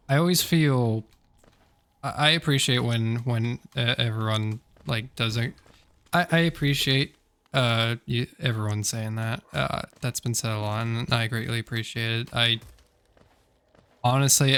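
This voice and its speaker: A man's voice: mid-range voice, vocal fry, a bit bright. A man with a slightly sore throat chatting casually on a gaming stream, rambling and correcting himself with many fillers.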